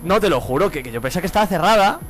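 A man's voice: sits high, animated, rapid-fire, soft background music, rough recording. A young man with a Spain Spanish accent, giving slangy, profane live gameplay commentary and laughing often. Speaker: gaming streamer.

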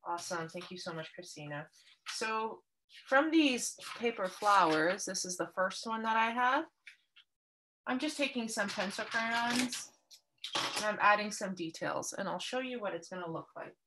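Against a noisy background, a Canadian art workshop instructor leads a paper craft class by video call, patiently and kindly talking through each step. Her mid-range voice is expressive and her pace moderate.

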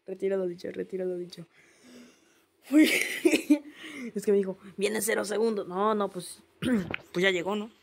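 A woman giving let's-play commentary as a gaming host, excitable, yelping and laughing when startled. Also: medium pitch, unhurried, vocal fry, long pauses, a little hiss or hum.

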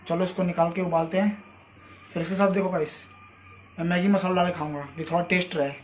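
This young adult vlogger has a high-pitched voice and talks fast in a level tone, chatting casually to camera as though his viewers were friends. He films in and around a house, indoors and outdoors, on a phone at arm's length, producing a noisy handheld recording.

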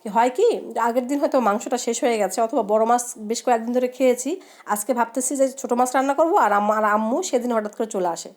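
A young woman with a voice hoarse from a cold, chatting in a heartfelt, rambling way while she cooks. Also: on the high side, rapid-fire, darkish tone. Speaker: cooking vlogger. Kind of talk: casual chat while cooking.

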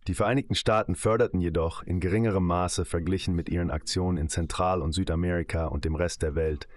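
Male voice-over for an interview guest: very low voice, steady and measured. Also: dry recording.

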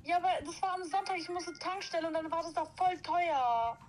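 A woman's voice: extremely high pitch, a little fast, slight background noise. A woman heard through a phone on speakerphone, chatting casually with short, plaintive replies. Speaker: friend on a phone call.

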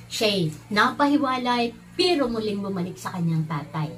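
A woman teaching Sunday school, telling a story to children in an animated way, often speaking to them directly and acting out the characters' lines. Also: mid-range voice, moderate pace.

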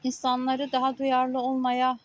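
A woman's voice: high voice, completely flat delivery, unhurried, dry recording, lo-fi sound. A woman vlogging outdoors in casual talk, speaking indignantly in short, emphatic, repeated phrases. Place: outdoors on a street.

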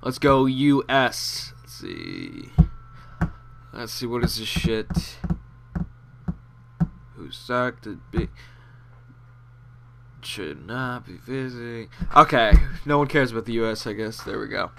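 A man's voice: mid-range voice, big pitch swings, slow, vocal fry, long pauses, sharp tone, a little hiss or hum. A young man giving rambling, profane, sarcastic commentary over his gameplay, with a nasal voice. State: out of breath. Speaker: gaming commentator.

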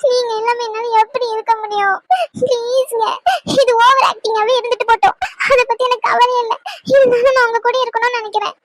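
A woman's voice: very high voice, level tone, brisk, background noise. A woman voicing a tearful young pregnant wife in a cartoon, pleading and complaining.

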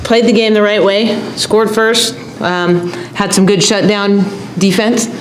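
A middle-aged woman head coach with a mid-range voice answers reporters' questions at a postgame press conference. She speaks in a measured, steady way into a table mic, in an echoey room with a faint hum.

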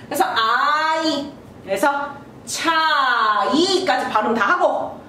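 A woman teaching a basic English lesson, who sounds out syllables slowly and acts out her students' questions. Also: high-pitched, sharp tone, far from the mic. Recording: echoey room, voice from off mic, faint noise.

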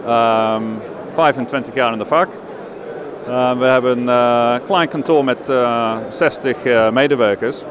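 A company director in his forties from London, a native English speaker with an English accent, gives an on-camera interview at a busy indoor trade fair stand, speaking haltingly as if searching for words in a second language. His voice is mid-range, caught on a handheld interview microphone held close below his chin, with a crowd and the clear bustle of the busy exhibition hall behind.

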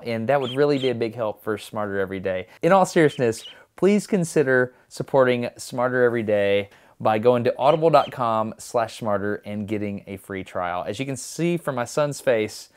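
A man in his thirties hosting casually to camera in a home room on a lapel mic. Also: medium pitch. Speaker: host. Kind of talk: casual presenter talk to camera.

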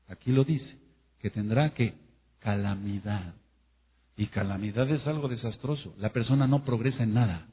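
A man preaching a sermon to his congregation, emphatic, his voice rising and falling, slowing down to spell out words. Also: medium pitch, breathy edge. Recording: echoey hall over a tinny phone-like line.

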